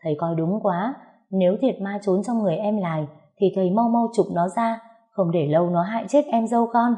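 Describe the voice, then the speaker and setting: A woman's voice: medium pitch, brisk, dark tone, lightly acted. A woman narrator voicing an urgent, meddling young sister-in-law.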